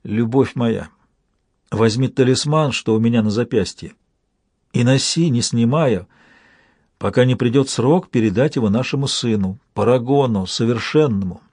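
A man voicing a dying ship captain in an audiobook, in a weak, breathy but commanding whisper. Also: mid-range voice, moderate pace, darkish tone, no echo, clean studio sound. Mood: solemn.

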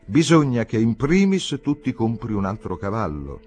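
A man's voice: medium pitch, sing-song, normal speed, darkish tone, slightly rough, lo-fi sound, soft background music, voice pushed up. A man reading aloud voices a bossy, motherly army canteen woman who chides and gives orders in a commanding, street-wise way. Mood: chiding.

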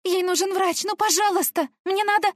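A woman's voice: very high-pitched, fairly even intonation, moderate pace, no room sound, studio quality, pitched above the performer's own voice. A woman voicing a panicked young woman who screams and pleads through tears. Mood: pleading.

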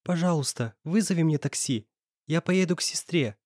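A man's voice: on the high side, big pitch swings, a little fast, dry recording, clean studio sound, voice pushed up. A man voicing a tearful, hurt young woman. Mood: cold, tearful. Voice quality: soft, slightly hoarse. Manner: strained, pleading.

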